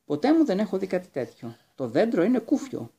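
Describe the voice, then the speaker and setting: A man's voice: fairly high pitch, very animated, gravelly, warm tone, slightly rough, full character voice. A man voicing a bold, cheerful young girl in a storybook reading, cheeky and boastful. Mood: playful.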